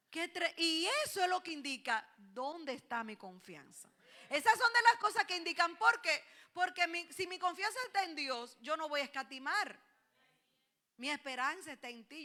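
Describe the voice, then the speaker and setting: A woman pastor preaching a sermon, animated, swelling to loud exclamations and quoting her congregants in dialogue. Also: high voice.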